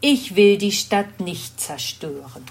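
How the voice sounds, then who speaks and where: A woman voicing God in a children's storybook reading, with a slow, solemn delivery. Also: medium pitch, expressive, gravelly, breathy edge, heavily acted. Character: God, a stern but forgiving divine voice.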